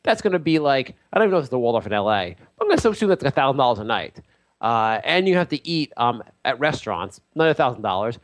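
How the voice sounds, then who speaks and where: Very animated and talking fast in a natural voice, a man performs an improvised comic role: a pompous, self-declared lord and sports insider meandering through a grandiose pitch.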